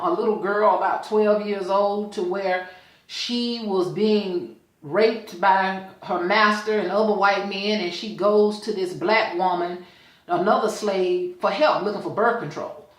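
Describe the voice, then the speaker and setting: A woman's voice: medium pitch, echoey room, poor audio. A woman hosting a show, casually retelling an episode scene by scene and acting out its dialogue. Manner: retells scenes with quoted dialogue, checks in with "okay?". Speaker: show host reviewing a TV episode. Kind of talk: casual recap.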